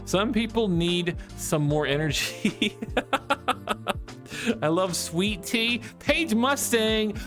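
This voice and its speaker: Rambly streamer dude, kinda high voice, laughs a lot, faint music playing behind. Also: male voice, fairly bright tone. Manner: chatty and rambling, giggles often. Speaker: live streamer reading chat. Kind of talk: casual chat stream.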